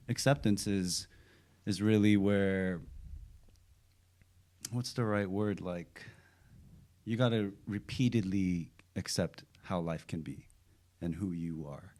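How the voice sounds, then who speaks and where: A man around thirty from Los Angeles, a podcast guest talking in a halting, thoughtful way with many fillers. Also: fairly low pitch, darkish tone. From Los Angeles, United States. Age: 30s. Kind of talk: casual podcast chat. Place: studio.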